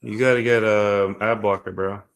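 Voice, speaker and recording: Co-host, man, slightly low voice, easygoing and jokey. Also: fairly even intonation. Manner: easygoing, laughs often, halting restarts. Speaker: podcast co-host. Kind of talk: casual watch-party chat.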